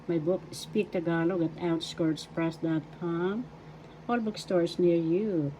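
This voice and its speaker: A Filipino-accented woman teaching a language lesson, carefully sounding out and repeating each syllable in a polite, deliberate way. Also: on the low side, fairly even intonation, dark tone, a little hiss or hum, rough recording. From Philippines. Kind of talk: slow spelled-out language lesson.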